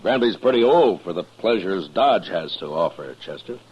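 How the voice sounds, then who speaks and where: An actor playing a calm, dry-humored frontier marshal in an old radio western, speaking in an easygoing, wry way, heard over AM radio. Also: male voice, low-pitched, normal speed, slightly rough. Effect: old AM radio broadcast sound. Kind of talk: 1950s radio drama acting. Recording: muffled lo-fi old radio broadcast.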